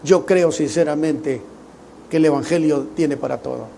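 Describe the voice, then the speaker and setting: A man's voice: a little high, normal speed, creaky, mellow. A middle-aged man, preaching a Sunday sermon in a conversational, joking way full of rhetorical questions. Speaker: pastor.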